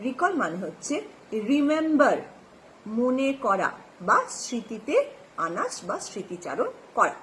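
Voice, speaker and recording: A woman with a Bengali accent teaches an English lesson, reading lines slowly and spelling out words letter by letter. Her pitch moves up and down a lot as she explains. A faint hiss sits under the recording. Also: big pitch swings, a bit bright, rough recording. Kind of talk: classroom lesson explaining text and vocabulary.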